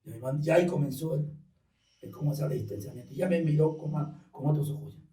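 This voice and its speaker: A man's voice: fairly high pitch, quick pace, recorded from a distance. A man tells his personal testimony in conversation, acting out the voices of others in his story. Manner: animated storyteller acting out dialogue. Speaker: guest giving testimony. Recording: roomy sound from off mic.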